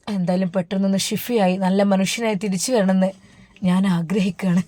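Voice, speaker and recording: A woman with a Malappuram accent voicing a gentle, grieving young groom who speaks softly and quietly. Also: medium pitch, steady tone, brisk, no echo, lightly acted. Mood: sorrowful. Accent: Malappuram Malayalam. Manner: soft, subdued, tearful.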